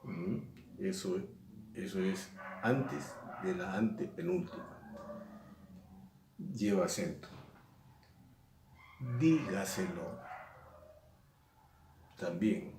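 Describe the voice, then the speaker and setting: A male teacher, explaining a lesson slowly and repeating and stressing key words. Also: sits low, a little mellow, slight background noise. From Peru. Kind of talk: recorded lesson. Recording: echoey room, mic at a distance.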